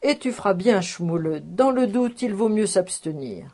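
A woman's voice: mid-range voice, expressive, unhurried, dark tone. A woman voicing a shrewd old rabbi. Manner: sly, proverb-loving, nasal at times.

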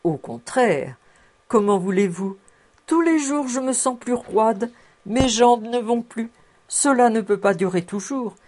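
A woman's voice: fairly high pitch, expressive, unhurried, a little mellow, pitched above the performer's own voice. A woman voicing a fussing, cheerful old housekeeper in her sixties who chuckles as she coaxes. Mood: coaxing. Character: cheerful old female housekeeper, sixty-four, toothless.

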